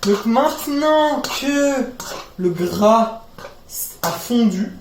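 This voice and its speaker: A man's voice: extremely high pitch, lively intonation, drawn-out words, slight background noise. A young man vlogging while cooking at home, rambling chaotically with self-mocking, swearing asides. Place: home kitchen. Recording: echoey kitchen with sizzling pan. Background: frying and sizzling food, stirring.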